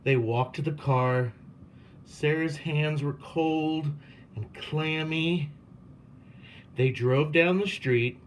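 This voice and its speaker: A man's voice: a little high, takes it slowly, pauses often, a little hiss or hum. A man, a teacher, reading a picture book aloud and addressing children in simple words.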